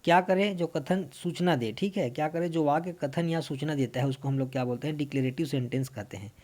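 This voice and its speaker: A man from India teaching an English grammar lesson for exam students, explaining in Hindi mixed with English, asking questions and answering them himself, and reading English example sentences slowly with an Indian accent. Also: fairly high pitch, darkish tone.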